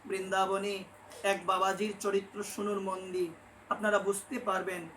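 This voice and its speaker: A man's voice: high-pitched, completely flat delivery, moderate pace, a bit bright, a little hiss or hum. A man preaching a devotional sermon, impassioned and telling stories, often rising to emphatic peaks and calling his listeners mother. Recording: echoey room with faint ambience.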